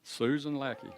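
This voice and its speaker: A man in his seventies emceeing a class reunion in a school cafeteria, calling raffle numbers slowly in a folksy, joking way. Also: mid-range voice. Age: 70s. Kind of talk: casual event announcing.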